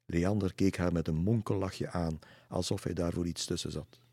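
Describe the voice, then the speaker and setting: Guy reading a kids story, very deep, husky, dry close sound. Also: normal speed, dry recording. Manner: calm, steady reading. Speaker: narrator.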